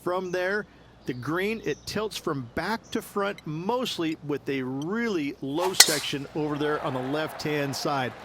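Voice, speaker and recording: Actor doing golf commentary guy for a game, explains stuff conversationally, a little high pitched, slight background ambience. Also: measured pace, noisy background, close to an everyday voice. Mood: explanatory. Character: conversational male golf analyst explaining the course.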